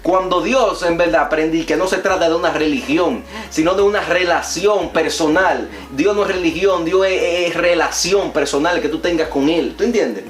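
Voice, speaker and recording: A man's voice: on the high side, normal speed, hardly any pauses, reverberant. A man, an evangelist guest, telling his testimony in an earnest, preachy conversational way.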